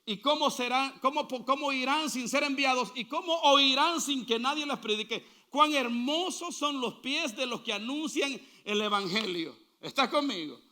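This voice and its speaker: A male pastor preaching a sermon, asking the congregation to repeat after him and building to loud, fervent calls. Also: very high-pitched, moderate pace, few pauses. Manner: call-and-response preaching, building to shouts.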